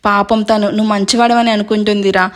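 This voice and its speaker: A woman's voice: medium pitch, little pitch movement, brisk, lightly acted. A woman voicing a chummy young man gloating over the phone about a friend's plan.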